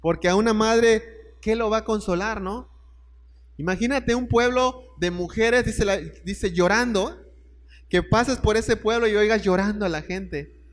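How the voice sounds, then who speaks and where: High-voiced preacher in echoing hall. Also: male voice, a little slow. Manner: storytelling, speaks straight to listeners, rhetorical questions. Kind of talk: sermon.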